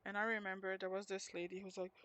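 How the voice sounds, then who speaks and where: A woman's voice: medium pitch, flat delivery, rapid-fire, a bit bright, no room sound. Ranting woman. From Quebec. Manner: ranting, swearing, laughing often. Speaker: streamer. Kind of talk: casual livestream chat while drawing. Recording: music playing under the voice.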